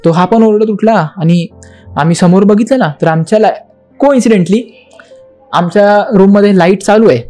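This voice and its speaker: A young man with a high, mellow voice, appearing as a podcast guest, tells a spooky story at normal speed in casual talk. He dramatically acts out the quotes and the knocking, mixes English words into his speech, and soft music plays in the background.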